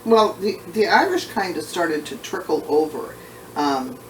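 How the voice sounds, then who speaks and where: A man who is short of breath, talking casually and haltingly with frequent pauses as he recalls family history in an oral history interview. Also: a little high, lively intonation. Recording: roomy, distant mic, faint background noise.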